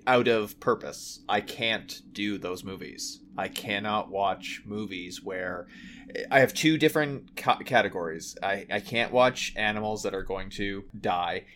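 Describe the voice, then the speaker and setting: A man's voice: on the low side, measured pace, fairly bright tone, slight background noise. A married man co-hosting a podcast, talking earnestly and reflectively about films in a casual chat. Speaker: podcast co-host. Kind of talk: casual film discussion.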